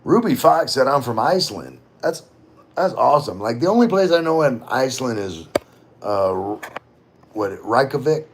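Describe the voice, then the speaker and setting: Very animated and speaking at a normal pace, this middle-aged man hosts a casual livestream with a medium-pitched voice. He reads out comments from viewers and responds in a loose, rambling way, occasionally cursing, with slight background noise behind him.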